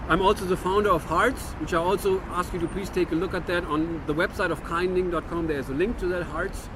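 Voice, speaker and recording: Talking to camera in a thoughtful monologue that keeps restarting, a German vlogger in his fifties speaks earnestly with a German-American accent. The voice is high and steady in tone, the delivery brisk, and the background noisy.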